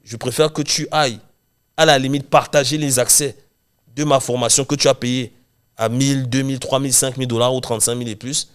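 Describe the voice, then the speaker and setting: A young man from Cameroon, a guest chatting casually in an interview, talking in quick run-on restarts. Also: mid-range voice, steady tone, clear, resonant tone. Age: young adult. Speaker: guest, real estate investor and coach.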